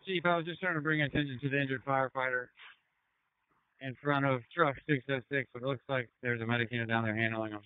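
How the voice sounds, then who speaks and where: A man's voice: medium pitch, steady tone, quick pace, clean tone, no room sound. A man, a firefighter, making reports to command over a crackly emergency radio. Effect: crackly two-way radio. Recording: phone-like crackly radio scanner audio.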